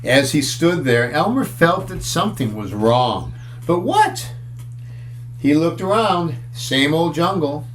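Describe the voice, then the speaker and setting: Here a man with a fairly high voice and lively intonation reads a picture book to children. He keeps it chatty, stopping to remark on the pictures and ask his listeners questions.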